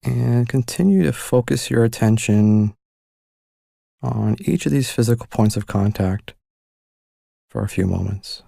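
A man leading a guided meditation in a soft, calm and unhurried way, pausing between short instructions. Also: medium pitch, gravelly, dry recording, clean studio sound.

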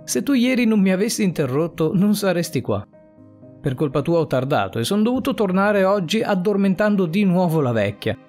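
A man's voice: high voice, sing-song, fairly quick, a little mellow, faint music behind, pitched above the performer's own voice. A man voicing a cold criminal who buries a policeman alive, speaking in a mocking, threatening way. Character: adult male criminal undertaker, cold and taunting.

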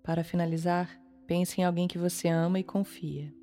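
A Brazilian woman with a voice on the low side leads a guided meditation, calm and soothing, with long pauses between short phrases. Soft music plays in the background.

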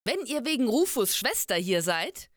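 A woman doing a loud, boastful brawny warrior man. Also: on the high side, very animated, normal speed, no room sound, studio quality, pitched above the performer's own voice. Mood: angry. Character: boisterous brawny male warrior, joking and loud.

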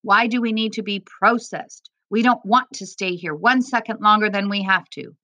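A woman's voice: mid-range voice, normal speed, sharp tone, dry recording. A woman reading the part of a middle-aged refugee father who jokes wryly and then rages at officials. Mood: furious. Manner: wry joking turning to bitter anger.

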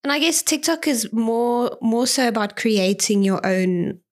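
A woman's voice: a little high, expressive, unhurried. A woman co-hosting a casual podcast chat, thoughtful and asking questions. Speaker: podcast co-host.

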